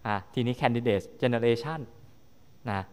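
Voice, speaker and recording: A male lecturer talking through a technical topic in a classroom. His voice is mid-pitched and carries a long reverb from the lecture hall. He keeps checking that students follow, with frequent tag questions. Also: very slow, smooth. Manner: explanatory, often checking understanding with tag questions. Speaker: university lecturer.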